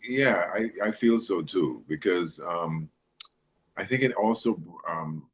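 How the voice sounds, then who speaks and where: A middle-aged man from Jamaica, raised in Maryland, chatting in an interview in a relaxed, rambling way with many fillers. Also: sits low, slow pace, a little hiss or hum. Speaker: actor guest. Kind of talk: casual interview chat.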